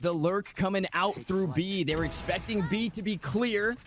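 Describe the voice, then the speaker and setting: A man's voice: sits high, moderate pace, fairly bright tone, slight background noise. A man working as an esports caster, giving running play-by-play commentary in clipped phrases.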